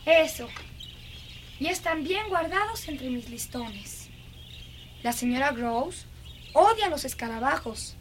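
A woman's voice: sits high, lively intonation, takes it slowly, pauses often, a little hiss or hum. A woman dubbing a dreamy, eerie little girl who is fascinated by dead beetles, in a lingering, singsong, childlike way. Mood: chatty. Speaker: dubbing actress. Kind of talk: film dubbing.

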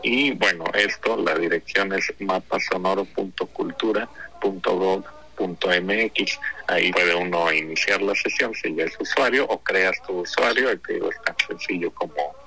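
A man's voice: low voice, normal speed, vocal fry, bright, forceful tone, soft background music, rough recording. A Mexican man speaking as an interview guest, explaining informally and conversationally. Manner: informal, explanatory, frequent tag questions. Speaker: radio guest representing a sound map project.

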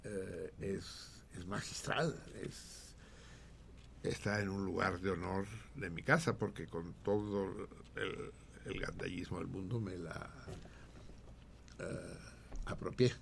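A man hosting a radio show, joking and swearing in casual, animated talk. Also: low voice, takes it slowly, vocal fry, slight background noise. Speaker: radio host. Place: radio studio.

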